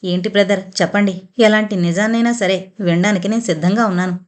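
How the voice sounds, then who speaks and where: A gentle young heiress speaks softly and soothingly, as a woman reading the story gives her voice. She stays calm and kind in every line. She sounds like a warm storybook friend. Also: medium pitch, fairly quick, natural voice.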